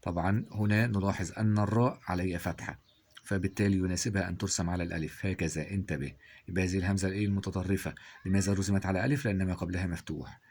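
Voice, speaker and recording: A male teacher with an Egyptian Arabic accent, walking through exam answers and prompting listeners with quick questions. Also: deep voice, steady tone, a little mellow, breathy edge. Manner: quizzing listeners with rhetorical questions. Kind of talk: exam review lesson.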